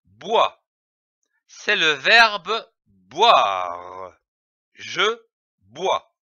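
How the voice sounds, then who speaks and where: A man teaches children to read, spelling every syllable out letter by letter and then saying it whole. His voice sits high and bright, and it moves up and down a lot. The recording is dry and a little dull. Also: huge pitch swings, very slow, no echo. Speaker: reading teacher. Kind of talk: slow, spelled-out reading lesson for young children.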